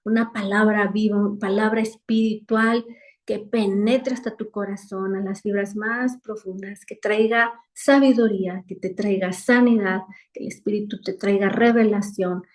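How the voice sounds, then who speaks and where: A woman gives an earnest Bible lesson over a video call. She repeats phrases to drive each point home. Her voice sits at an ordinary middle pitch. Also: steady tone, normal speed. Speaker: Bible teacher. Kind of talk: weekly online Bible lesson.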